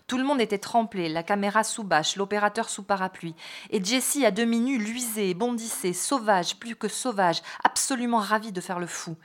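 A woman reading a literary novel aloud expressively, now and then adding brief spoken asides. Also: medium pitch. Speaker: reader.

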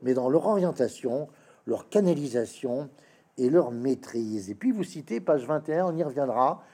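An interviewer introduces a guest's book, reading passages aloud in a measured, deferential way with frequent hesitations. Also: mid-range voice, animated, dark tone.

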